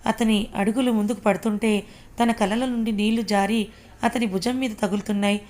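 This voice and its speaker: A woman narrating a serialized audio story in a calm, even way. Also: fairly high pitch, brisk. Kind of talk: scripted narration.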